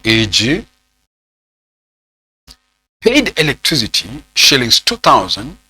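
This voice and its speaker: A man with a Kenyan accent teaching an accounting lesson, asking the class questions and repeating phrases slowly so students can write them down. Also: mid-range voice, bright, forceful tone, low-quality recording. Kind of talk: classroom lecture with dictated notes.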